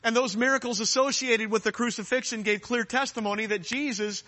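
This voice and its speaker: A man's voice: extremely high pitch, steady tone, a little fast, sharp tone. A man preaching a sermon, urgent and rising to fervent challenges at times. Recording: long hall reverb.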